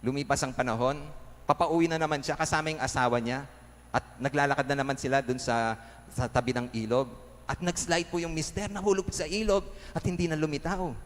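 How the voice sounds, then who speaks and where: A priest with a Kapampangan accent, reading Scripture and telling a story in a homily at a measured pace. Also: male voice, fairly high pitch, fairly even intonation. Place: large church. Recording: echoey church with faint noise.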